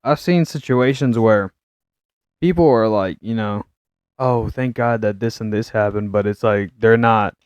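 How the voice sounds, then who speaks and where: A young man co-hosting a casual podcast, rambling with lots of fillers and getting loud and excited. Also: on the low side, unhurried, clean tone, dry recording. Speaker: podcast co-host. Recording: dull, muffled dry sound.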